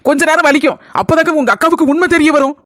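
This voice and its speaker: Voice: high-pitched, steady tone, very fast, fairly bright tone, a little hiss or hum. A performer voicing a sly, scheming village gossip in a cartoon, with a Kanyakumari Tamil accent and a cheeky, plotting way of talking. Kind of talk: cartoon dialogue.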